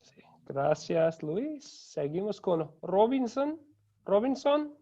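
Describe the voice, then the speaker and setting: A man, a pastor, calmly and courteously greeting each student by name in an online class over a video call. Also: sits high, takes it slowly. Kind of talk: unhurried roll call of students. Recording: dull lo-fi video call audio.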